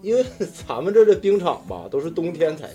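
Over a noisy crowd and in lo-fi sound, a man from Daqing in northeastern China talks in a slightly high voice, very animated and quick. With his Northeastern accent, he tells personal anecdotes among friends on a talk show, casual, earthy, slangy and sometimes swearing.

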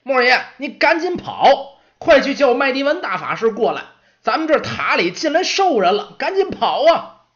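A man voicing a frantic young male apprentice mage who yells in alarm. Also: wildly swooping pitch, normal speed, muffled recording, heavily acted. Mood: panicked. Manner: shrill frantic yelling.

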